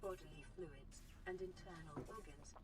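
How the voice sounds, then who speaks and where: A woman voicing a calm female computer assistant in a video game, giving measured status reports in a smooth synthetic voice, like a gentle care robot. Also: deep voice. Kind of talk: game voice line.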